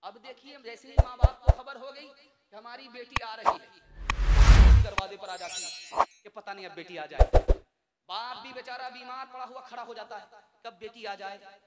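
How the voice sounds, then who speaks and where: A man's voice: extremely high pitch, very noisy. A man delivering a sermon to a large gathering, telling stories and acting out the dialogue in them. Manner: storytelling, acts out dialogue, ends in drawn-out chant. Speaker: mufti preacher. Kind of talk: Urdu-Hindi sermon with stories and sung verse. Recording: long hall reverb, loud crowd.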